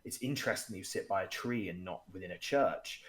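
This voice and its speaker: A man's voice: sits low, brisk, a little hiss or hum. A man co-hosting a casual chat about tabletop games, talking freely with many restarts. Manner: chatty, restarts often, acts out player quotes. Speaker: podcast co-host.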